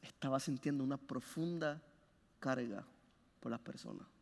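A man preaching a sermon, passionate, rising to loud urging and then dropping to hushed, low phrases. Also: moderate pace. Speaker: pastor. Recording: long hall reverb.

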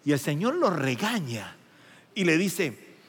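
Male preacher, fervent sermon delivery, husky and highly animated, reverberant hall. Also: takes it slowly. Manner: fervent, emphatic preaching that calls out to the congregation. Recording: long reverb of a large hall.

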